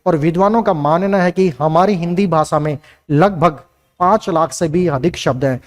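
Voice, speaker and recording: Hindi teacher quizzing himself aloud. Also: male voice, fairly high pitch, moderate pace. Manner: asks questions and answers them himself, repeats key lines. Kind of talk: classroom lecture.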